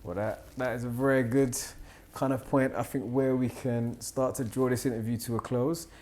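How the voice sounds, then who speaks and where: A man hosting a casual podcast interview, relaxed and reflective, who sums up his guest's points and asks him follow-up questions. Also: mid-range voice, normal speed, a little hiss or hum. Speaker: podcast host.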